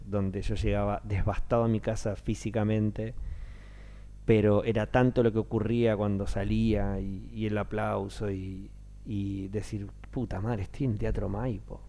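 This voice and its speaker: A man in his thirties, a stage actor with a Rioplatense Spanish accent, talking casually in an interview and acting out the voices of people he quotes. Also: lowish voice. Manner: animated storyteller, acts out quoted voices.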